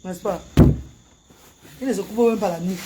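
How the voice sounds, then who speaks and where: A woman from Cameroon, chatting casually on a live stream and breaking into loud wailing chants. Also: mid-range voice, moderate pace, a little hiss or hum. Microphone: phone camera.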